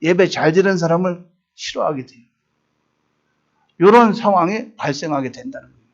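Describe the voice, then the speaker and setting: A man's voice: high voice, animated, moderate pace, lo-fi sound. A man preaching a midweek evening sermon as pastor, rising into emphatic voiced quotes.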